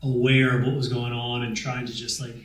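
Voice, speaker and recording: A man co-hosting a family travel vlog, chatting casually and hesitantly, often filling pauses and restarting his sentences. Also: mid-range voice, little pitch movement, fairly bright tone. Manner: hesitant, many fillers and restarts. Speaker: vlog co-host. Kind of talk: casual chat. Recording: echoey room, distant mic.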